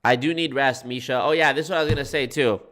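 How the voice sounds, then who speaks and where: A man's voice: mid-range voice, steady tone, fast, a bit bright. Guy streaming with a stuffy blocked nose, casual chatty talk, sweary and informal. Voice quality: congested, blocked-nose sound. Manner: informal, swearing, folksy "y'all". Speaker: live streamer. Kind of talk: casual livestream chat with viewers.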